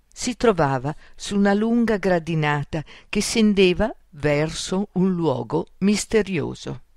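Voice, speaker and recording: Woman narrator for a kids' fairy tale audiobook; slow, careful, dry studio. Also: low-pitched, no echo.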